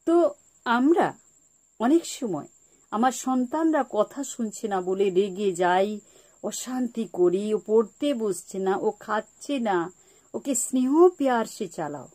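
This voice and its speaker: A woman giving a spiritual talk on parenting, repeating her key points slowly like a teacher. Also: medium pitch, darkish tone. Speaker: spiritual speaker.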